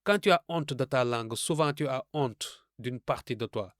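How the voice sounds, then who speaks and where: A man from francophone Africa delivers a scripted commentary in a medium-pitched voice. His manner is didactic and rhetorical, and he addresses the listener directly. The sound is dry and close, with no room around it. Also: moderate pace, no echo. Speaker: video essayist.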